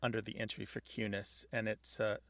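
Gravelly, dry-miked man in his fifties. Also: lowish voice, little pitch movement, fairly quick, fairly bright tone, no echo. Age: 50s. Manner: chatty and knowledgeable, laughs easily. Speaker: radio show co-host. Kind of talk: relaxed radio conversation about language.

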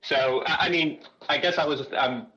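In a phone-in chat on a talk show, a man calls over a muffled headset line, sounding like he's using a voice modulator. His voice is fairly high and sharp at a moderate pace, and he hesitates and chuckles between words.

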